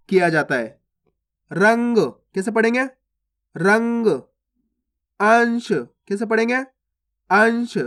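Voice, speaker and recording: A man with a fairly high voice leads a step-by-step reading lesson. He poses each word as a question, then says it again slowly and clearly, speaking to viewers as friends. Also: fairly bright tone. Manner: repeats each word slowly after asking how to read it; addresses viewers as friends, patient explaining. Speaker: Hindi reading teacher.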